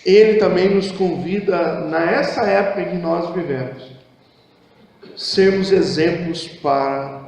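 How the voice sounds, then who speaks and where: In a church hall full of long, echoing reverb, a pastor with a Brazilian Portuguese accent delivers an impassioned sermon. He shifts between quiet, low phrases and raised exhortation.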